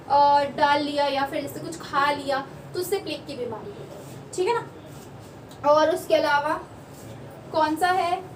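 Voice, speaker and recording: High-voiced woman teaching, echoey room. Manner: explains slowly, repeating words and checking with listeners. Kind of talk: classroom lesson. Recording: echoey room, voice from far off, faint background noise.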